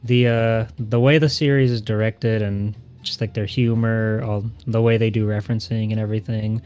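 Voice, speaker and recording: A man's voice: fairly low pitch, level tone, normal speed, darkish tone, clear, resonant tone, soft background music. Teasing man as a podcast guest. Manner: joking, playfully teasing. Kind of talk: casual streamed podcast chat.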